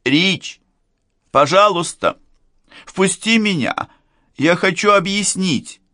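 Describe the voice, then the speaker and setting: A man voicing an anxious middle-aged mother in an audiobook, with a high, pleading, tearful tone. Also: animated, slow, pushed and bright, no echo, clean studio sound, full character voice.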